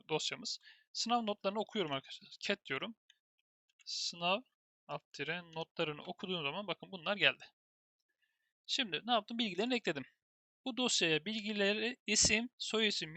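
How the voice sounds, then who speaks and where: A man's voice: high-pitched, vocal fry, pushed and bright, no echo. A man teaching a screen-recorded terminal lesson, thinking aloud as he types and often turning to speak to his viewers as friends. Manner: thinks aloud while typing, keeps addressing viewers as "friends". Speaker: programming instructor.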